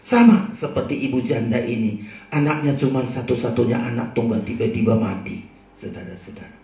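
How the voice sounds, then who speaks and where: A man preaching a sermon as pastor, swinging between loud and quiet lines and often calling out to his congregation. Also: mid-range voice, animated, fairly quick, recorded from a distance, slight background noise. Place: church hall. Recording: echoey church recorded from afar.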